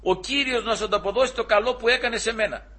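A man's voice: very high-pitched, pushed and bright, slightly rough, pitched above the performer's own voice, heavily acted. A man voicing a hard older king who speaks emphatically, in a plain storytelling voice. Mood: moved, emphatic. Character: older male king, harsh but moved.

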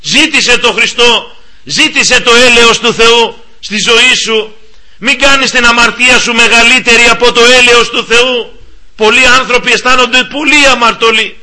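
A man's voice: very high-pitched, fairly even intonation, sharp tone. A man preaching a sermon, earnestly exhorting and speaking straight to each listener.

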